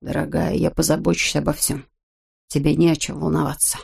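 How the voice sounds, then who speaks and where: A woman voicing a devoted, strong-willed middle-aged husband who speaks softly and insistently to his ailing wife. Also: low-pitched, flat delivery, brisk, vocal fry, husky, exaggerated voice. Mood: tender, insistent. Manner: hushed, soft-spoken.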